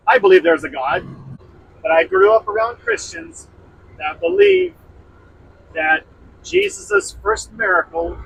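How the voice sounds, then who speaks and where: A man in a truck cab tells an irreverent, comic story for his vlog. His voice is high, bright and gravelly, leaping around in pitch as he gets into it. A faint hum of the vehicle runs underneath. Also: low-quality recording. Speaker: truck driver. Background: faint vehicle noise.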